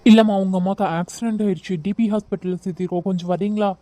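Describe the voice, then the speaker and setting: A woman voicing a kind middle-aged man in a cartoon who reports an accident gently and with sympathy. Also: medium pitch, fairly even intonation, racing, no echo, lightly acted. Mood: concerned.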